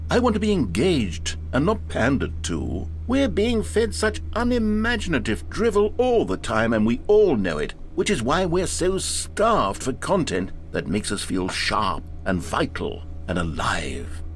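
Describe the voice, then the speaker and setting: An actor voicing a doting, flattering male narrator in a video game, talking in an effusive, coaxing and gently patronizing way. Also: medium pitch, a little slow, hardly any pauses, a little hiss or hum.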